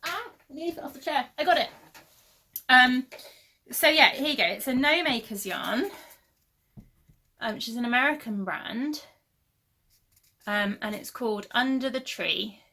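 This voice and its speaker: A woman in her thirties, losing her voice, hosts a relaxed knitting podcast indoors at home, rambling with many fillers. Her high-pitched voice sounds pushed and bright, with lively intonation. She takes her time and pauses often, and her voice is a little worn.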